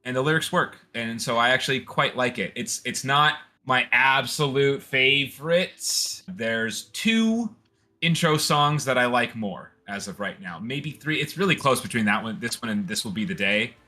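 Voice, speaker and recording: Bright-voiced excitable man chatting. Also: medium pitch, normal speed. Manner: excitable, rambling with restarts. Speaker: podcast co-host. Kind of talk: casual chat.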